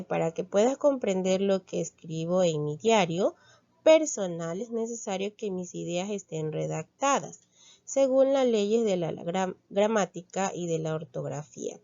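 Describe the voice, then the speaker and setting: A woman teacher explains a lesson to children step by step, pausing to check that they follow. Her voice is soft and mellow. The recording is a little dull and muffled. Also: mid-range voice. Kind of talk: classroom lesson walkthrough.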